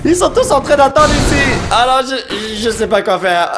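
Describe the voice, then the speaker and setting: Man, gameplay commentary, high voice, very lively swings, bursts of shouting, slangy, faint game music behind. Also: unhurried. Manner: excitable, exclamations and shouts mixed with English slang. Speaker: gaming YouTuber.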